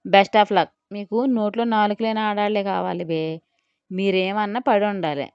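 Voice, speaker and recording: A woman voicing a bold, sharp-tongued young woman who answers with scolding, mocking retorts, recorded on slightly dull audio. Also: mid-range voice, steady tone, measured pace, clear, resonant tone, no echo, lightly acted.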